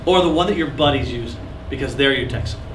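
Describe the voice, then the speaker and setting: Over a loud crowd, a medium-pitched man in his thirties speaks quickly while running a live recording workshop, explaining gear, joking and gesturing for the audience seated in a small classroom. The sound is echoey, noisy and distant, taken from a camera at the back of the room.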